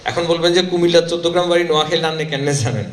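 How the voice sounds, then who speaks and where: A man's voice: on the high side, rapid-fire, reverberant, a little hiss or hum. A man from Bangladesh with a Noakhali-tinged Bengali accent, a former news presenter giving a motivational workshop talk and mixing Bengali with English. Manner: mixes Bengali and English, conversational. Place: hall at a morning workshop.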